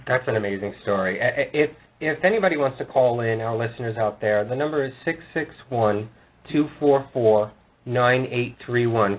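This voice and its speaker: A man hosting a radio talk show, speaking casually and haltingly as he invites callers. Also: mid-range voice. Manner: casual, halting, gives the call-in number slowly. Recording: thin phone-like sound.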